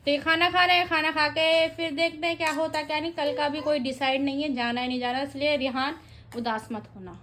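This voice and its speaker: Brief: woman family vlogger, very high and bright, chatty, teasing, talks to camera on a phone. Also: steady tone, a little fast. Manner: chatty, teasing, addresses viewers directly. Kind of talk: casual family vlog chat.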